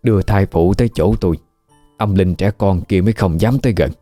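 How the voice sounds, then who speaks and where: A man voicing a calm, firm old male exorcist in a spoken ghost story, steady and reassuring. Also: low voice, fairly quick, dry recording, soft background music, natural voice.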